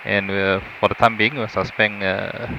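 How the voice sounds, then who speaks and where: A man's voice: fairly low pitch, level tone, normal speed. A man, an airline first officer, making a formal, slightly hesitant announcement from the cockpit over the PA. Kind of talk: semi-scripted cockpit announcement. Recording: muffled cockpit PA, loud aircraft noise.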